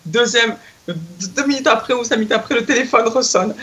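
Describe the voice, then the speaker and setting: A middle-aged woman recounting a memory in a relaxed conversation. She gets excitable, laughs easily and leaps up in pitch when she acts out what people said. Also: moderate pace. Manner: excitable, laughs often, lively acted-out quotes. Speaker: guest telling a personal story. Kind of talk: casual storytelling chat.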